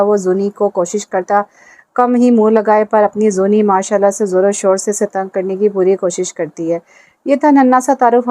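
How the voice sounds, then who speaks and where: A woman's voice: mid-range voice, dark tone. A woman with a Pakistani Urdu accent, narrating a romance novel and reading every character's lines in much the same plain voice. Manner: reads all characters in a plain voice with little change.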